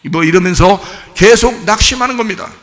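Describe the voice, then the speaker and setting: A man voicing a despondent, self-pitying male churchgoer who mumbles low and resigned, recorded in an echoey church hall. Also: brisk, a bit bright. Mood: dejected.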